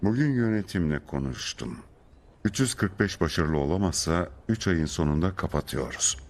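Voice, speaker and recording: A deep, brisk lab boss. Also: male voice, lively intonation. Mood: probing. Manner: brisk, pointed questions. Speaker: supervisor. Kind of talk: film dubbing.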